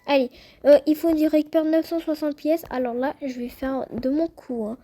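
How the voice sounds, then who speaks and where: A young woman with a high, light voice chats her way through a game, talking straight to her viewers. She sounds excitable and casual, reacting to everything as she plays. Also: moderate pace. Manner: chatty, excitable, addresses viewers directly. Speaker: gaming youtuber. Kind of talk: casual gameplay commentary.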